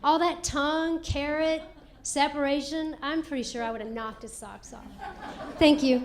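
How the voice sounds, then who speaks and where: High-voiced woman telling a stand-up story. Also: normal speed, slight background noise. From American South. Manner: animated, self-mocking storytelling. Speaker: stand-up comedian. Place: comedy club stage.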